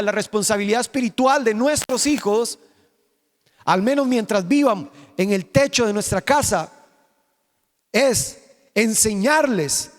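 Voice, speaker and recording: High-pitched guy preaching, lots of questions at the crowd, echoey church. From Costa Rica. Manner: emphatic, rhetorical questions, drawn-out stresses. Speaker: pastor. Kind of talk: sermon. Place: church sanctuary. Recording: reverberant church hall.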